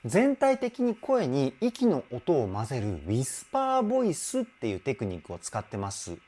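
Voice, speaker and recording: A man's voice: medium pitch, huge pitch swings, normal speed, dark tone. A man working as a vocal coach, giving enthusiastic commentary that analyses a song's vocals and demonstrating sounds with his own voice.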